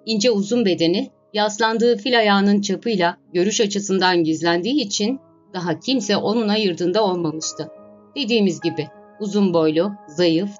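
Female narrator, steady storyteller, slightly dull lo-fi recording with faint music behind. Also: mid-range voice. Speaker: audiobook narrator. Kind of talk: scripted narration of a classic novel.

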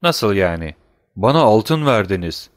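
A man voicing a humble, eager male prison doorkeeper in a storybook reading, speaking in a deferential, excited way. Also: lowish voice, measured pace, no echo, clean studio sound.

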